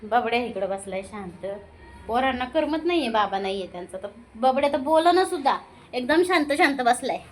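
A woman at home filming her cats, calling to them in high baby talk and then quietly telling the viewer about them. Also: expressive, normal speed, faint music behind. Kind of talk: casual home pet vlog.

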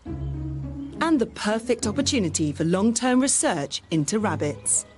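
A woman's voice: medium pitch, very animated, measured pace, darkish tone, faint music behind. A woman reading scripted narration for a nature documentary.

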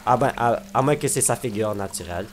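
Québécois guy doing let's play commentary, super lively voice, jokes and hums, game noise behind. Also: fairly low pitch, fairly quick. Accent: Québécois French. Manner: animated, exclaiming, joking, singing to himself. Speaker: gamer commentator.

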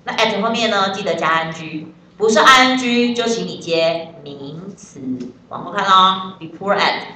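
A woman's voice: mid-range voice, normal speed, bright, forceful tone, slight background noise. Taiwanese woman, chatty joking English teacher, distant mic in an echoey classroom. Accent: Taiwanese Mandarin. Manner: chatty and joking, spelling words out. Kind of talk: classroom lesson.

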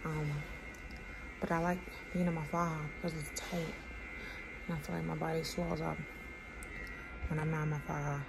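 A woman's voice: low-pitched, flat delivery, moderate pace, creaky, long pauses, over music. A young adult woman talking casually to her vlog, sounding weak and weary as she recovers from surgery, holding a phone at arm's length indoors. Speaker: vlogger. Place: small indoor rooms with bare walls. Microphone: phone held at arm's length. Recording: noisy handheld phone audio.

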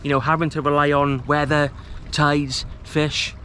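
A man in his thirties from Wales, chatting easily to the camera outdoors on a rocky estuary shore while he fishes, relaxed and self-deprecating. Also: fairly high pitch, measured pace, slight background noise. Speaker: fishing vlogger. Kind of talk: casual talk to camera. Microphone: camera mic, close framing.

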